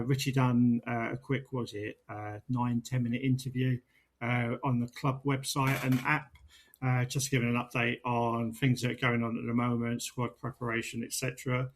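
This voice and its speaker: A man hosting a sports podcast in casual, chatty style. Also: medium pitch. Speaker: podcast host.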